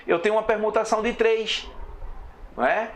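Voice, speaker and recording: A man with a slightly high voice teaches a recorded math lesson. He explains step by step, counts slowly and keeps checking that his students follow. Faint background noise sits under his voice.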